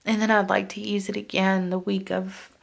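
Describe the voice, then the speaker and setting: A woman's voice: medium pitch, flat delivery, normal speed, gravelly. A woman vlogger chatting casually while decorating her planner, rambling and confiding as she drifts off-topic.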